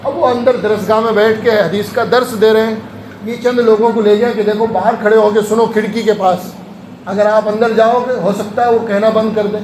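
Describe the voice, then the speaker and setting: Male preacher, very high voice, storytelling sermon that acts out the people in his anecdotes, echoey room. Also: fairly even intonation, darkish tone. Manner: tells anecdotes, acting out voices of people in them. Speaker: Islamic preacher. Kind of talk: sermon-style storytelling lecture. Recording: echoey room with faint ambient noise.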